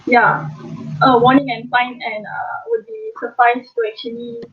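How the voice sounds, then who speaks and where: Woman panelist, high voice, slow and halting with many fillers, heard over a tinny phone-like video call line. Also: sing-song. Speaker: forum panelist. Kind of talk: online panel discussion.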